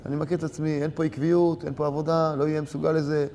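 A man voicing a despairing religious man who is ready to give up, in a low, hushed, self-pitying mutter. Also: level tone, slight background noise, natural voice. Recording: long hall reverb.

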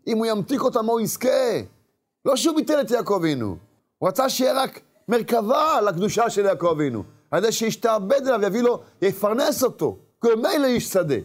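A man preaching with a high voice. He talks in an animated way, acting out the inner voices of the people he describes and sometimes calling out loud. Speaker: rabbi. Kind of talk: sermon.

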